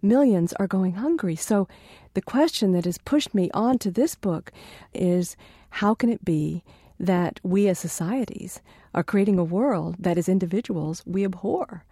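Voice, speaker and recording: An author guest on a radio show, a woman who talks in a soft, mellow tone. She explains her ideas in an earnest, reflective way. The sound is close and dry. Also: medium pitch, lively intonation, measured pace, slightly rough, no room sound. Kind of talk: interview answer.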